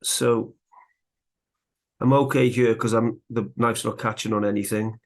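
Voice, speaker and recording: Male carving instructor, low and even, relaxed and chatty while working. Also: a little slow. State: slightly out of breath. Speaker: woodcarving instructor. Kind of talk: live carving tutorial.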